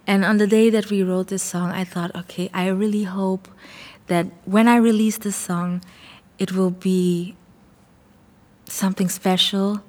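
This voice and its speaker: A woman's voice: lowish voice, a little mellow, long reverb tail. A young woman from Germany, a singer, speaking, answering interview questions in an earnest, thoughtful way as she searches for words. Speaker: singer and songwriter.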